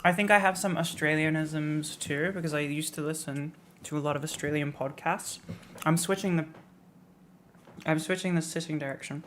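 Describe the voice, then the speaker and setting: A young woman from England keeps a steady tone and normal speed in her low voice as she chats casually on a livestream. Her talk rambles, filled with "like" and "um," and includes playful rants. A little hiss or hum sits in the recording.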